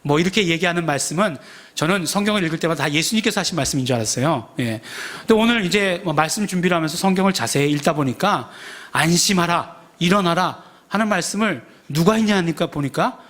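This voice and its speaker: Pastor, man, fairly high voice; chatty sermon delivery, rhetorical questions, acts out the quotes. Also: animated, quick pace. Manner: conversational preaching, frequent "ye" fillers and rhetorical questions; acts out shouted quotes of the crowd. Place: church sanctuary.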